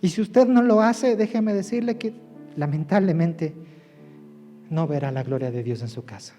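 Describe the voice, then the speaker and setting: A male pastor preaching emphatically, swinging between loud calls and soft asides. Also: fairly high pitch, normal speed, faint music behind. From Ecuador. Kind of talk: sermon.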